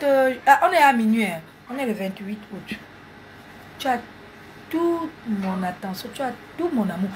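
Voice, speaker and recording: A woman's voice: on the high side, slight background noise. A woman, mocking and scolding viewers in a heated live stream on her phone. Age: 40s.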